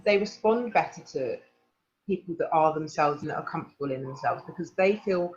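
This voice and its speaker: A woman with an English accent, a guest in a casual interview, telling animated stories and acting out what people said. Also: low-pitched, a little fast, highs cut off, a little hiss or hum. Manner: animated storyteller, laughs often, acts out quotes.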